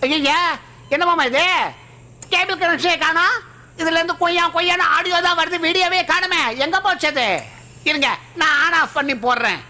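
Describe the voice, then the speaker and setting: A woman's voice: very high voice, normal speed, sharp tone, a little hiss or hum. An actress dubbing a mischievous young woman who chatters in a playful, teasing way. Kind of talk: Tamil film dub. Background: film score.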